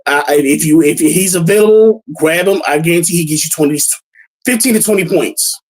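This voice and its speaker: High-voiced male host for a casual sports chat, excitable, stammering over his words. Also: brisk, low-quality recording. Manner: excitable, stammering, repeats himself. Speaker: podcast host.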